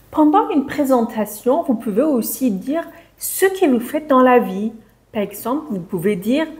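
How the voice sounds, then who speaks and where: A woman teaching beginners, who says each example sentence slowly and carefully. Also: a little high, darkish tone. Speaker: French teacher. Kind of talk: slow, clear language lesson for beginners.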